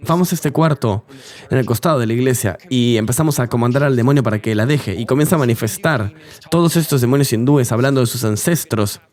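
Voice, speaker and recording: A man's voice: mid-range voice, fast talker, a little mellow. A man telling his testimony earnestly as an interview guest, in a dubbed voice-over of an interview.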